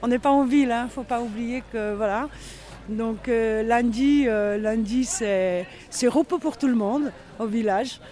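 On local radio, a villager chats about life in his village during a street interview, hesitating often and leaning on plenty of fillers. His voice is extremely high, a little mellow, and he speaks at a measured pace.

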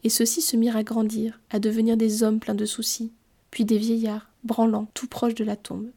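A woman reading a storybook aloud in a calm, measured way. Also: on the high side. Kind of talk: scripted storybook narration.

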